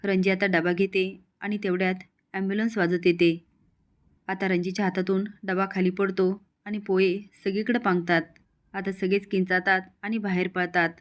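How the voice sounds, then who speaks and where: A woman narrating a steady recap of a TV serial episode. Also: medium pitch, normal speed.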